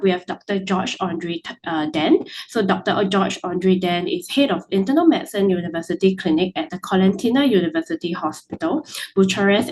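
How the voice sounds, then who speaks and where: A woman's voice: medium pitch, a little hiss or hum, rough recording. A woman moderating a webinar, reading formal introductions and tripping over names.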